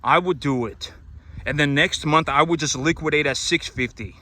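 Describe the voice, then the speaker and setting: Bright-voiced man, emphatic and repetitive. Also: fairly high pitch, moderate pace. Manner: repetitive, emphatic, many restarts and fillers. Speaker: cattle rancher vlogger. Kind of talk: casual monologue to camera.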